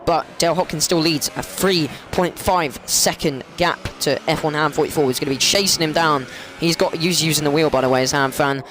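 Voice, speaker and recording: A man commentates an online racing league race in an excitable, rambling way, often correcting himself, and his pitch rises whenever there's a crash. He talks a little fast with few pauses, and soft music plays underneath.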